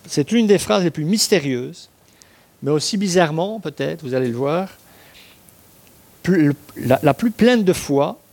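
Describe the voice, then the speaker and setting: A preacher with a slightly high-pitched voice explains a passage casually, as if chatting. Now and then he wanders off into an aside or throws a rhetorical question at those listening.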